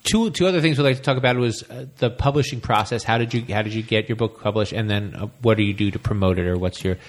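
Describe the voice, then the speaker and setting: A man hosting a casual podcast interview, feeling his way haltingly through questions and rephrasing them as he goes. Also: lowish voice.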